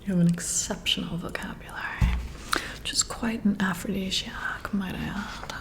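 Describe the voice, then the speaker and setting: With a medium pitch and fairly even intonation, her lightly acted whispers come breathy and close to the mic. She is playing a flirty boss intrigued by the listener during an ASMR personality test, her delivery slow, admiring, and softly hesitant.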